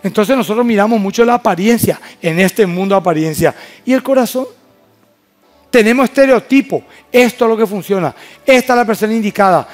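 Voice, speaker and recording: A man's voice: high voice, a little fast, soft background music. A man with a Paraguayan Spanish accent, preaching a sermon as pastor in an emphatic way, often asking the congregation questions. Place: church service.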